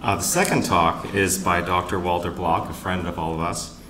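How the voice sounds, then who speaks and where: A man moderating a panel at a conference, opening with wry, teasing jokes and pausing for laughs. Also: sits low, steady tone, reverberant, a crowd in the background. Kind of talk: joking conference emcee remarks. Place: conference hall with live audience.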